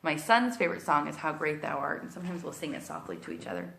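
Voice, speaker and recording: A woman's voice: deep voice, sing-song, fast, vocal fry, fairly bright tone. A woman with an encouraging, sing-song kindergarten-teacher voice, leading young children through a read-aloud and circle-time lesson. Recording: roomy, echoing indoor sound.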